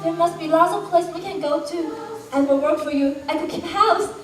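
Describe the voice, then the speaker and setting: A woman's voice: extremely high pitch, normal speed. A woman playing a tearful, pleading young bride. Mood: distraught pleading. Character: anxious young bride, pleading with her father. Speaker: student stage actor. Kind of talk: amateur stage play. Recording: echoey hall, far from the mic, music behind.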